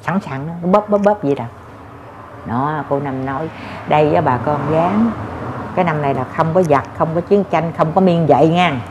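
A woman gives spiritual advice in a casual talk, calmly reassuring her listeners and repeating her points in a homely way. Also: low voice, normal speed, lo-fi sound, background noise. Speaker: spiritual adviser.

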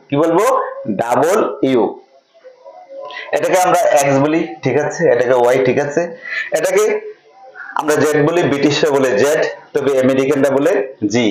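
A man with a slightly high voice teaches a classroom lesson, drilling each point by asking a question and then answering it himself. His voice rings in an echoey room. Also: brisk, a crowd in the background. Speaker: English pronunciation teacher.

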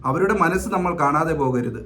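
A man with a Malayali accent hosts his own channel, speaking earnestly. His voice sits a little high, and he talks through a scripted introduction. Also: animated, a little fast, fairly bright tone, a little hiss or hum. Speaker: channel host.

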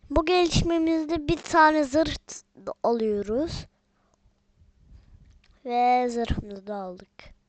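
A woman's voice: high-pitched, dry recording. A woman giving casual, chatty gameplay commentary from home, often addressing viewers as friends. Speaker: gaming video maker.

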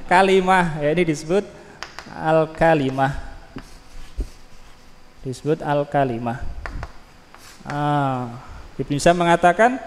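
Guy teaching grammar, keeps quizzing the class, high voice, big reverb. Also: takes it slowly, pauses often, slight background noise. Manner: repeats key terms, asks the class questions. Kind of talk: classroom lesson.

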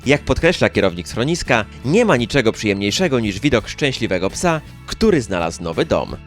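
Guy doing scripted news voiceover, lively delivery, music underneath. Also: medium pitch, a little fast. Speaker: newsreel narrator. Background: background music.

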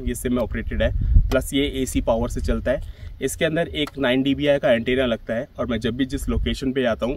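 A man's voice: mid-range voice, darkish tone, distant mic, a little hiss or hum, rough recording. Man explaining his van build outdoors. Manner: practical, explanatory, gestures while talking. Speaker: camper van owner. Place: outdoors on a grassy hillside beside a small car. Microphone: camera at a few metres.

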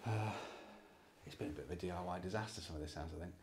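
A British man in his forties, host of a property vlog, talks casually to camera inside an empty house, filmed on a handheld phone at arm's length. His voice sits low, he speaks very fast, and crowd noise can be heard.

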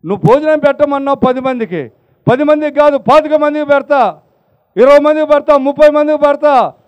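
A man preaching a sermon, firing rhetorical questions and swinging between loud emphasis and hushed asides, urging the congregation to applaud. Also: very high voice, fairly quick, lo-fi sound.

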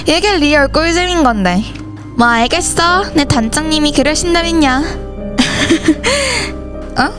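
A woman's voice: high voice, animated, slow, music in the background. A woman voicing every teenage schoolgirl character in a school horror story, switching between them in dialogue. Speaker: channel host and voice actor.

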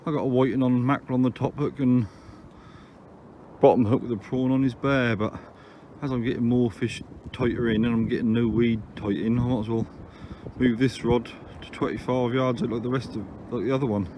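Chatty angler on a windy beach. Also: male voice, medium pitch, steady tone, brisk, warm tone. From England. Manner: chatty, down-to-earth, matter-of-fact with dry grumbles. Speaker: angler filming his own fishing trip. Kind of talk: casual running commentary to camera. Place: open beach by the sea, outdoors. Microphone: phone camera held by the speaker. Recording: outdoor phone recording with wave noise. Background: surf and wind.

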